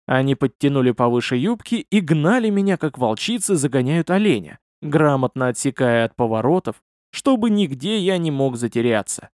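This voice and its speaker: Guy reading an audiobook, lively sing-song delivery, dead dry booth sound. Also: mid-range voice, no room sound. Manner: expressive, lively storytelling. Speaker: audiobook narrator. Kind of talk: scripted first-person narration.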